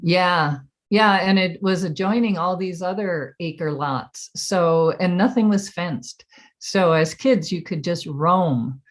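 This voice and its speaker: Woman in her 70s from minnesota, american accent, oral history interview, talks real slow, kinda low voice, thinks as she goes. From Minnesota, United States. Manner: halting, reflective recollection.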